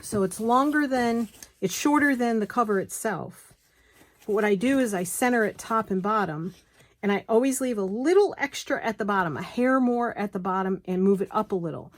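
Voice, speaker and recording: A woman's voice: mid-range voice, moderate pace. A woman giving a casual hands-on tutorial, chatting and talking to herself as she works, with apologetic asides. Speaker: crafter demonstrating bookbinding. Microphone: phone camera close by.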